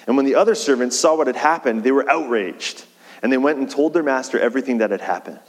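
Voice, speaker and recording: A man preaching a sermon in a relaxed, conversational way, shifting his pace and leaning on key words. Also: mid-range voice, fast talker. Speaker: pastor. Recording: long reverb of a large hall.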